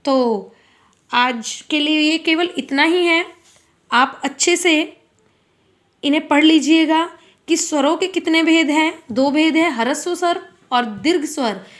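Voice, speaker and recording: A woman's voice: high-pitched, takes it slowly, fairly bright tone. A woman teaching a school grammar lesson, patiently asking questions and answering them herself. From India.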